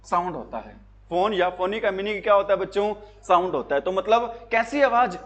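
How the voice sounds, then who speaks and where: A man's voice: high-pitched, expressive, fairly quick, lo-fi sound. A male teacher giving an exam-prep lesson to students, asking questions and answering them himself in a call-and-response way, with jokes and anecdotes. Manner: jokey, tells anecdotes.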